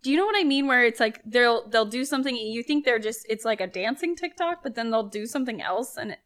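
A woman in her thirties co-hosting a podcast, chatty and quick to laugh in casual run-on talk. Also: a little high, lively intonation, fairly bright tone. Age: 30s. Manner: chatty, laughs easily, talks in loose run-on bits. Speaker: podcast co-host. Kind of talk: casual chat.

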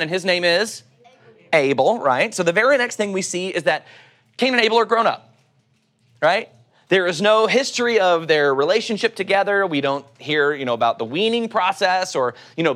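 A man's voice: sits high, a bit bright. A middle-aged man with an Oklahoma accent gives a conversational sermon, teaching through scripture and posing rhetorical questions. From Oklahoma, United States. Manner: teacherly, asks rhetorical questions and answers them. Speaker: preacher.

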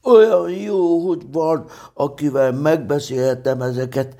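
A man reading a storybook, voicing an eager, impatient little male teddy bear who chatters excited questions. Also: a little high, creaky, voice pushed up, full character voice.

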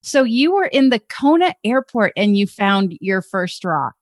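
A woman's voice: medium pitch, big pitch swings, no echo. Upbeat woman interviewer, dry sound. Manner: encouraging, upbeat, quick to praise. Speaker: interviewer host. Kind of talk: friendly interview chat.

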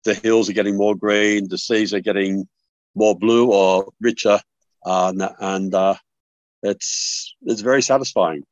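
A man's voice: fairly low pitch, steady tone, a little slow, no room sound. An older Australian man talks as a podcast guest, rambling through stories with frequent restarts and fillers. His voice comes through a dull, lo-fi call line with no room sound. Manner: rambling, warm storytelling with many restarts. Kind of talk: casual remote interview.

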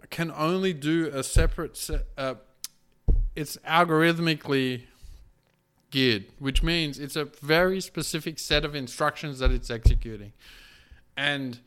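A man's voice: fairly high pitch, fairly bright tone, clear, resonant tone. A man hosting a podcast, thinking aloud in a loose, exploratory casual monologue.

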